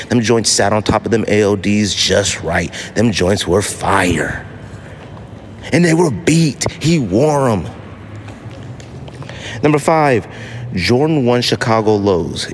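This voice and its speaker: An American man hosts a casual one-person podcast in a voice on the low side. He speaks with slang and emphasis, circling back to phrases for effect, and there's slight background noise.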